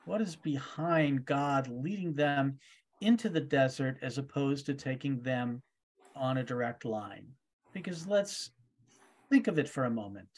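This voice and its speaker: A man leading a virtual Torah study group over a video call, animated and playful, acting out the voices in the stories he tells. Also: medium pitch, a little slow. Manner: animated, acts out voices in quotes.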